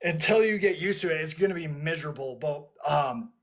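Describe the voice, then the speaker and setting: A man's voice: on the high side, animated, fairly quick, a bit bright. A man talking loosely to his chat on a livestream through a headset mic, rambling with lots of "like" and restarts while leading breathwork. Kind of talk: casual livestream talk to a chat.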